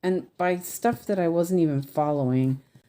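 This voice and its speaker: A woman's voice: deep voice, moderate pace, warm tone. A woman with a lisp that slurs her s sounds toward sh, chatting casually and thinking aloud as she hosts a craft livestream. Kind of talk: casual livestream chat while stitching.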